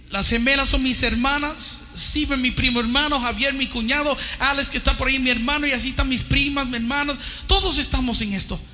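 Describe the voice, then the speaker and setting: High, bright-voiced fervent male preacher. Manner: fervent, shouting at peaks, addresses listeners as brother. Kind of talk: impassioned testimony sermon.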